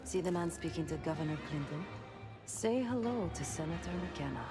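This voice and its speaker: A woman's voice: deep voice, animated, moderate pace. A woman acting a cool, shrewd spy in a video game cutscene, confident and controlled as she gives instructions. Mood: cool, instructing. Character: cool, shrewd female spy briefing an operative. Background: music.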